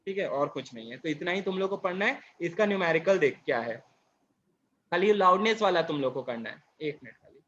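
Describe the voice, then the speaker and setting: A man's voice: sits high, animated, a bit bright, lo-fi sound, slight background noise. A male physics teacher lecturing a class, explaining and then asking and answering his own questions. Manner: reads English definitions slowly, word by word.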